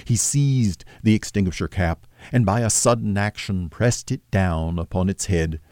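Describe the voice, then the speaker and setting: A man narrating a classic novel as an audiobook, with measured, steady storytelling. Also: low voice, no echo, studio quality.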